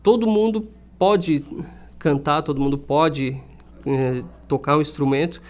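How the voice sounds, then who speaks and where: Earnest man, fairly high. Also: a little slow, darkish tone. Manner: earnest, reflective, with frequent restarts. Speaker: music teacher and singer. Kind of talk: interview guest.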